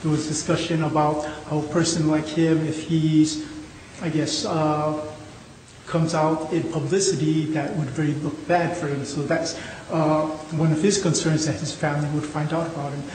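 A man speaking as a lawyer in oral argument, with halting, hedging, informal phrasing. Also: on the high side, level tone, darkish tone. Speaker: lawyer arguing an appeal. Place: indoor courtroom. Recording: echoey courtroom, faint noise.

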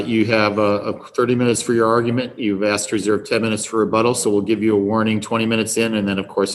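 A man with a fairly low voice presides over a court hearing. He gives polite, plain-spoken procedural remarks over faint background noise. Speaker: chief justice presiding.

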